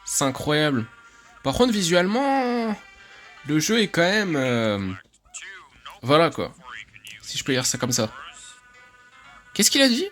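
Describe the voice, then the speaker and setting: A man from France giving excitable, chatty let's-play commentary, laughing often and swearing casually. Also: a little high, measured pace, long pauses, soft background music. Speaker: gaming YouTuber.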